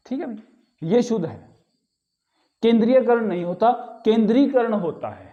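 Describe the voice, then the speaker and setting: A man's voice: high voice, wildly swooping pitch, moderate pace, mellow, dull audio. A man teaching a grammar lesson, patiently repeating key words and asking the class rhetorical questions. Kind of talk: explanatory lesson.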